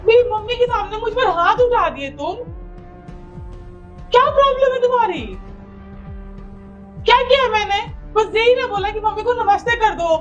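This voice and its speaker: An actress playing a bossy young wife who gives her husband sharp orders. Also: high voice, normal speed, highs cut off, faint music behind, close to an everyday voice. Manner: commanding, sharp.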